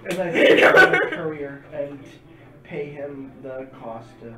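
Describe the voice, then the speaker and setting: A man's voice: on the high side, a little slow. A man chatting casually as a player in a tabletop role-playing game, describing what his character does. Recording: roomy, distant mic with music behind.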